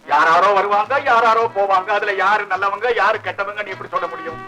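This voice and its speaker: An actor playing a smooth, courteous hotel owner who mixes in polished English phrases. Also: male voice, sits high, fairly quick, bright, forceful tone, faint music behind, low-quality recording. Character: smooth, polite middle-aged hotel owner.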